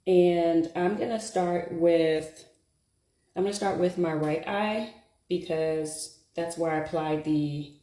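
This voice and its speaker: A woman's voice: lowish voice, darkish tone, echoey room. A woman chatting casually and thinking aloud as she applies her lashes during a live stream. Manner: chatty, self-deprecating, thinks aloud while working. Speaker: beauty vlogger. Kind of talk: casual live chat while doing makeup.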